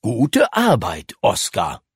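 A man voicing a calm, mild middle-aged doctor and father in an audiobook. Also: mid-range voice, a little slow, breathy edge, no room sound, studio quality, voice pushed up, exaggerated voice. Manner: mild and kindly.

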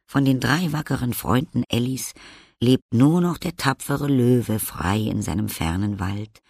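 A man reading an audiobook and voicing a small, kind, wise old sorceress, calm and motherly. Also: mid-range voice, unhurried, gravelly, slightly rough, no echo, clean studio sound, voice pushed up. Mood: kindly.

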